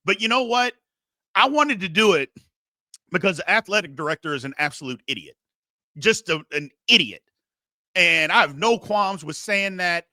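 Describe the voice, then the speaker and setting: A man's voice: high voice, expressive, normal speed, bright, forceful tone, no room sound. A middle-aged man hosting a sports show, giving blunt, emphatic, casual opinions and repeating his phrases for effect.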